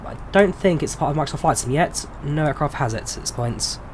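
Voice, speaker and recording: Background noise accompanies a slightly high-voiced man talking a little fast as he chats with live stream viewers. A flight sim streamer from England in his twenties with an English accent, he's relaxed and answers chat questions with frequent ums.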